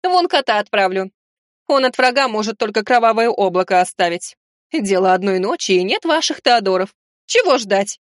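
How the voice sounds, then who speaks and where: A ruthless old grandmother with a brash, offhand way of talking, voiced by a man in a high put-on register. The reading is dry and close. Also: expressive, moderate pace, no room sound. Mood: brash scheming. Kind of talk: audiobook character voice.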